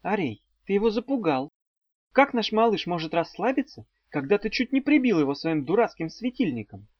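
A man's voice: high-pitched, big pitch swings, a little fast, no echo, voice pushed up. A man voicing a playful, teasing young witch secretary who speaks in a chirpy way, in a dry, slightly dull recording.

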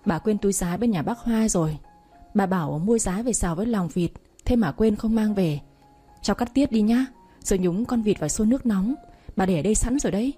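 A woman's voice: mid-range voice, dark tone, slightly rough, faint music behind, lightly acted. A woman voicing a fussy, scolding old village grandmother. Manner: bossy, scolding, quick to complain.

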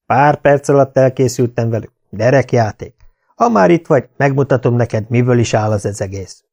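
A man voicing an excitable, self-assured male veterinary surgeon in an audiobook reading, with boastful, exclaiming delivery. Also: medium pitch, creaky.

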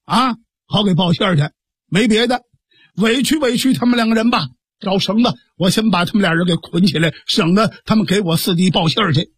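男说书人演的 急脾气中年好汉，评书腔，北京口音，沙嗓，声音干，不带回响. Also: male voice, high-pitched, brisk, no echo, clean studio sound. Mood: blunt. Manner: gruff, teasing and accusing. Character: blunt hot-headed male martial hero, middle-aged. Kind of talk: traditional storytelling.

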